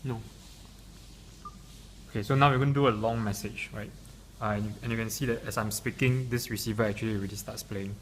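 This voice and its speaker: A man whose voice sits on the low side yet has a fairly bright tone gives an unscripted software demo briskly but with long pauses. His steady-toned explanation is hesitant and stop-and-start, captured in a clearly noisy room.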